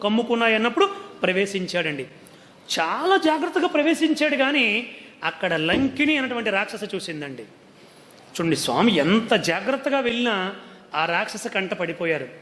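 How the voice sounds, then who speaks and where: A man's voice: extremely high pitch, bright, forceful tone. A man telling a sacred story as a religious discourse, explaining earnestly and coaxing his listeners, sometimes chuckling. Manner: explains earnestly, often coaxes listeners with "andi". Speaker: devotional storyteller. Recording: long hall reverb.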